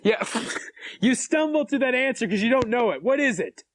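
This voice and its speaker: A man hosting a live call-in radio show, talking fast and needling his caller with jokes. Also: extremely high pitch, lively intonation.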